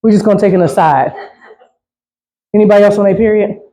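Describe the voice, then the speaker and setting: Performing stand-up in a fast, mid-range voice with a dark tone, a woman talks loosely, curses often and keeps pressing the crowd with "right?" for agreement. The audio is poor.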